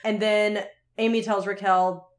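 Woman co-host, casual episode recap, lively and laughing, mid-pitched. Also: measured pace. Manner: animated, laughs often, lively retelling. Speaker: podcast co-host.

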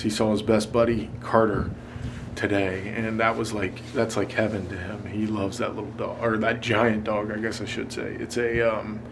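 An American man in his forties, an outdoor vlogger, chats with viewers in a casual, informal, colloquial way. His voice is on the low side, with a noisy background.

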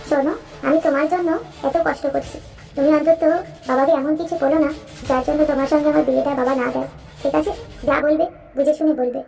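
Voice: high voice, steady tone, fast talker, vocal fry, over music. A performer voicing a bossy, scornful rich father in a cartoon, mocking and commanding. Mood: bargaining. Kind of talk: cartoon voice acting.

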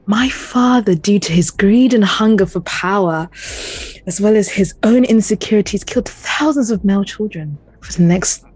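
A woman playing a proud, menacing king who taunts a prisoner in a slow, deliberate, imperious way in an audio play. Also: medium pitch, a little mellow, breathy edge, no echo, close to an everyday voice. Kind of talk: dramatic audio play acting.

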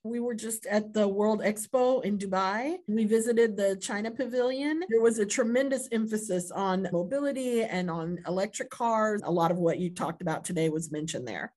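A woman's voice: mid-range voice, moderate pace, hardly any pauses, darkish tone. A woman on a video call, speaking appreciatively in a casual chat.

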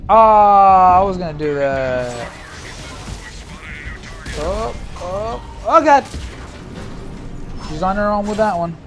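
A man giving live, excitable commentary over a video game, often shouting and swearing. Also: high-pitched, slow pace, pauses often, faint music behind. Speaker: gameplay commentator.

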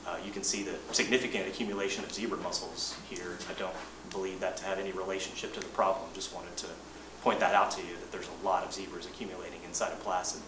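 A man, an engineering manager, presenting updates to a board in a measured, plain-spoken way, often restarting his sentences. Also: low-pitched, level tone. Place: boardroom meeting. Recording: roomy distant mic, noisy meeting room.

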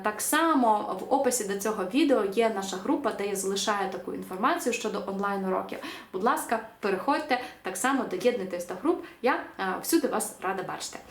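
A woman's voice: fairly high pitch, echoey room. Patient woman teaching a language lesson. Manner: explains patiently, with frequent filler sounds.

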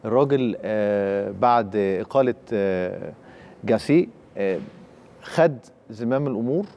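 A man hosting an Egyptian TV sports talk show, with an Egyptian Arabic accent, leaning on drawn-out filler pauses between phrases. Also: on the low side, animated, warm tone, muffled recording.

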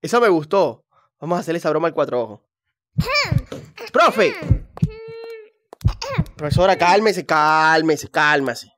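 A woman's voice: low-pitched, lively intonation, a little slow, long pauses, fairly bright tone, no room sound. A woman hosting a let's play, commenting with playful mischief, often turning to her viewers. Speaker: gaming channel host.

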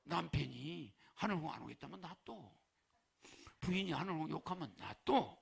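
A man's voice: a little high, lively intonation, moderate pace, gravelly. A man preaching to followers in a folksy way, chuckling and throwing rhetorical questions at them. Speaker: religious leader addressing followers. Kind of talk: sermon.

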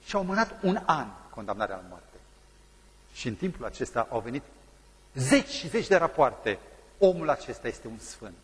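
Animated preacher man, husky, in a hall. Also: mid-range voice. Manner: dramatic storytelling, acting out the people in his story. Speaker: pastor. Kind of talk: sermon.

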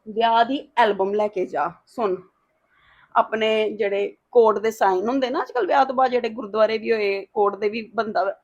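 A woman playing a worried, pleading mother in an emotional family drama. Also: on the high side. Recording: dull lo-fi sound.

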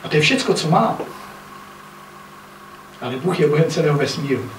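A man with a high voice preaches an earnest sermon, stopping often to ask his congregation whether they follow. His voice rings through an echoey hall, picked up from some distance, with a faint hum of room noise behind it. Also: animated. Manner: earnest, often checks in with listeners. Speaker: pastor. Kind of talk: sermon with scripture reading. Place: church hall.

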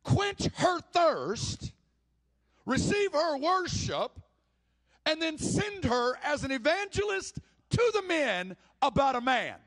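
A man preaches with fervor, his voice sitting high for a man. He acts out the people in the story as he tells it, swinging between speeches and quick asides. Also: big pitch swings, fairly bright tone. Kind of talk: sermon.

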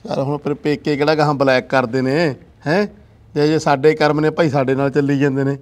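Man playing a gruff old village father. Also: a little high, level tone, fairly quick, lightly acted. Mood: grumbling. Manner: keeps tagging questions with a gruff "huh?". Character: blustering old village man, son's wife has left. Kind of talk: rural comedy-drama acting.

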